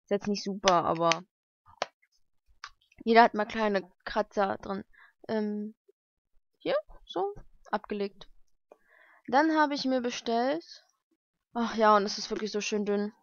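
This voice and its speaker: In a dull lo-fi recording from her lived-in room, a young woman unboxes mail-order books and muses aloud in a relaxed, chatty manner. Her medium-pitched voice is expressive and slow, she pauses often, and there's no echo.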